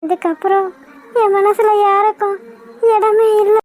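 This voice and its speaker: A woman voicing a young lovesick village woman in a cartoon, with a high, squeaky, weepy voice. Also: little pitch movement, measured pace, darkish tone, soft background music. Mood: tearful. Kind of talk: cartoon voice acting.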